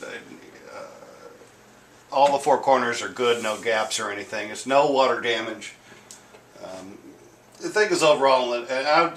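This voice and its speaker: Seated indoors at home beside some stereo gear, a vintage audio gear seller demonstrates a tape deck in a casual, rambling way, often correcting himself partway through sentences. His voice is mid-range and a bit bright, and the recording has roomy echo and noticeable background noise.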